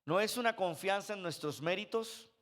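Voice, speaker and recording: Man, 30s, high-pitched, conversational storytelling preacher. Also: normal speed, fairly bright tone. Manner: conversational storytelling with sound effects. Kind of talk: sermon. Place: church. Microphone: handheld microphone.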